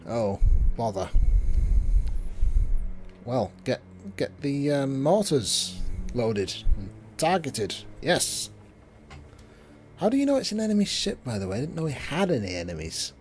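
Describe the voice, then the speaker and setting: A man's voice: mid-range voice, very animated, unhurried. A man giving casual, dry and sardonic video game commentary with hesitant asides. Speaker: video game let's player. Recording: game music behind.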